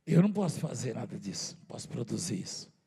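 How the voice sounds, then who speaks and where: A man's voice: mid-range voice, big pitch swings, quick pace, creaky, warm tone, slightly rough. A man with a Brazilian Portuguese accent preaching a sermon in a conversational way, with rhetorical questions and repeated words.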